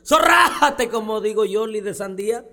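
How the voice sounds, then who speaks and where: A man's voice: sits high, expressive, moderate pace, vocal fry, pushed and bright, pitched above the performer's own voice, full character voice. A comedian voicing a cheeky streetwise male rabbit in a joke, with a Costa Chica Mexican accent. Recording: reverberant recording with salsa music.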